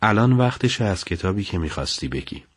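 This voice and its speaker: A man voicing a warm middle-aged mother who teaches school, speaking in a gentle, motherly way. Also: on the low side, sing-song, breathy edge, no echo, clean studio sound.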